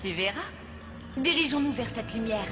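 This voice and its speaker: A woman's voice: on the high side, expressive, moderate pace, natural voice. A woman playing a smart, decisive young team leader in a cartoon dub, giving commands and explanations. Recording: muffled soundtrack with loud music.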